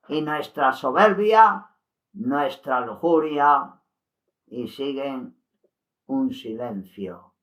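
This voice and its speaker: A man giving a slow, solemn devotional reading and commentary. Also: a little high, sharp tone. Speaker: lay Bible commentator.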